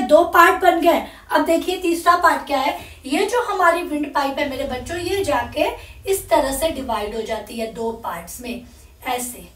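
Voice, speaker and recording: A woman's voice: high voice, reverberant, recorded from a distance. A woman teaching a science lesson as she draws a diagram, often calling her viewers "my children" and checking that they follow. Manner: addresses viewers as "my children", checks understanding with "okay?". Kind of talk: classroom lesson while drawing a diagram.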